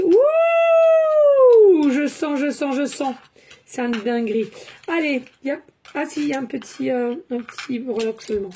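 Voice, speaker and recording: A woman's voice: a little high, a little mellow, a little hiss or hum. A woman medium giving a casual card-reading guidance, chatty and rambling, often tacking on little verbal fillers, talking at home. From France. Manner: chatty, rambling, peppered with "hein". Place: home by a glass patio door.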